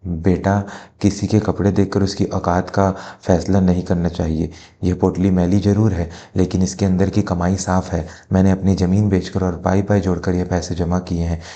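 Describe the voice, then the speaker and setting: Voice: low-pitched, level tone, moderate pace, dark tone, close to an everyday voice. A performer voicing a poor, dignified elderly mother who pleads earnestly in a family drama.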